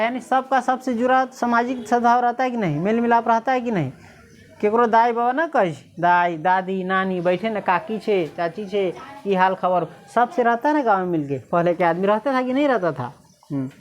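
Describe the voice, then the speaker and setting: A woman's voice: fairly high pitch, a little hiss or hum. Woman teacher quizzing her class. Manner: asks the class questions and answers them herself, slips into village dialect. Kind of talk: class lesson explaining a story.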